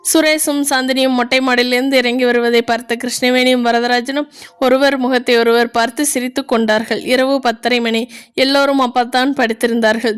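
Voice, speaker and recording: A woman reads a story aloud in a high, bright register. Her voice is smooth and clean, with an even storybook delivery. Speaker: narrator. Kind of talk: storybook narration.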